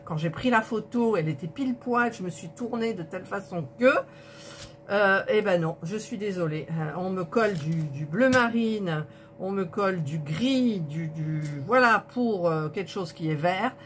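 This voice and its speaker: A woman's voice: mid-range voice, moderate pace, a little hiss or hum. A woman vlogger unboxing a diamond painting kit, indignant and disappointed, counting colour numbers aloud to her viewers. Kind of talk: unboxing vlog, talking to viewers.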